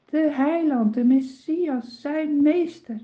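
A woman's voice: sits high, takes it slowly, dull audio. A woman telling a children's Bible story in a dramatic, emotive way.

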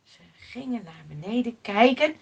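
A woman telling a children's Bible story in an expressive, dramatic way, moving between hushed and loud. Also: fairly high pitch, moderate pace, husky, muffled recording.

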